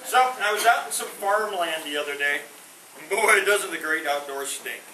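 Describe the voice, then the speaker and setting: This stand-up comic, a man with a fairly high, bright and forceful voice, is animated and moves at a moderate pace. He tells corny puns and one-liners, punchlines trailing off sheepishly, in a veterans home hall. No microphone is used, and the recording comes from far off in a noisy, roomy room.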